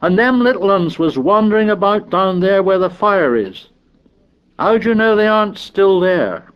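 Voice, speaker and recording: A man's voice: sits high, expressive, normal speed, clear, resonant tone, muffled recording, pitched above the performer's own voice. A man voicing an indignant, fearful schoolboy who scolds and pleads in ungrammatical working-class British speech in an audiobook story. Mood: indignant, exasperated.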